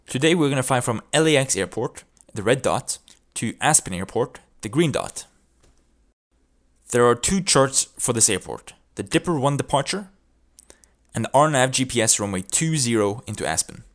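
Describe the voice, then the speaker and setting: A man with a mid-range voice and lively intonation narrates an instructional video at a moderate pace. He explains procedures step by step and demonstrates radio calls along the way.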